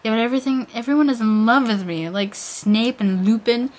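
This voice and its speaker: A woman's voice: a little high, a little fast, a little mellow, voice pushed up, natural voice. A woman voicing a whiny, angry teenage goth girl in an overwrought, theatrical dramatic reading. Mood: anguished whining.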